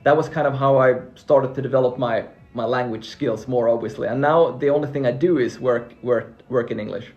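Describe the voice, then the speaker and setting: A Finnish man, a native Swedish speaker, hosts a casual live Q&A on freelancing and answers viewer questions in a friendly, upbeat way. His mid-range voice moves a little fast with hardly any pauses, and he repeats words and restarts while reading comments. The audio is dull, with faint music in the background.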